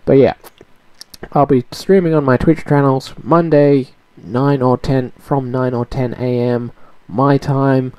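A man's voice: mid-range voice, fairly even intonation, slow pace, dark tone, clean tone, dry recording, dull audio. A young Australian man vlogging from home, rambling and self-mocking. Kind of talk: casual chat.

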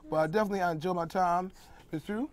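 A middle-aged man with a high voice talks very fast while hosting a casual talk show in a small, curtained TV studio. Wearing a lapel mic, he repeats and rephrases himself as he goes.

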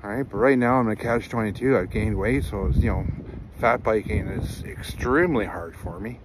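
A man's voice: lowish voice, moderate pace, noisy background. A middle-aged man vlogging casually outdoors on a winter trail, talking earnestly with lots of ums and uhs into a phone held at arm's length. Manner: rambling, many fillers, earnest.

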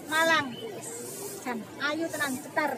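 A woman's voice: sits high, fairly even intonation, slow pace. A woman in her forties with a Javanese Indonesian accent, cheerfully interviewing people in a park on a phone held at arm's length. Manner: chatty and cheerful, teasing. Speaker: vlogger interviewing migrant workers. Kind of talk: casual on-the-street interview. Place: outdoor park with crowd. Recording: loud outdoor crowd and noise.

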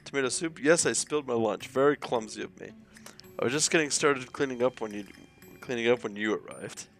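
Man doing a creepy hunched innkeeper, too polite, grinning, game dialogue read plainly, mid-pitched. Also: fairly quick, vocal fry, a bit bright, soft background music. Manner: overly polite, jokes about a lisp.

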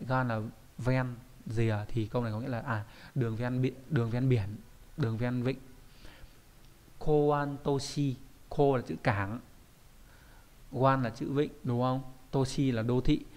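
A man's voice: mid-range voice, darkish tone. A man teaching a kanji lesson, explaining patiently and often checking that listeners follow.

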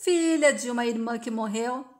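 A stern mature woman in a storybook-style retelling, lecturing hard and giving no ground, as a woman narrator puts her on. Her voice sits a little high, and she keeps a harsh, moralizing edge. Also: moderate pace, lightly acted.

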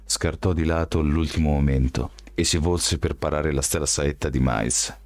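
A male audiobook reader with a strikingly deep, low voice. He narrates in a steady, even storytelling way. The recording is dry and close, with no room sound. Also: normal speed, dry recording.

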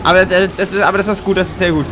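A young man streaming a multiplayer game, chattering excitedly and urgently and often repeating his phrases. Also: sits high, rapid-fire, faint music behind, some chatter behind. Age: young adult. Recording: game sound behind the voice.

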